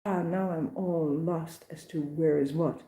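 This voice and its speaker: A woman recounting her pilgrimage day in a casual, animated vlog, with many restarts and acted-out voices. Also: sits low, a little slow, echoey room, low-quality recording. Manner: animated, acts out others' voices, restarts often. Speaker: pilgrim vlogger.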